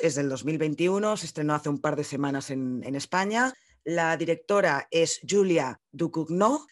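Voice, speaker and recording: A woman with a Spain Spanish accent co-hosting a film podcast, talking in a chatty way, explaining things and joking freely. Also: lowish voice. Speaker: podcast co-host. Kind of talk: casual film podcast chat.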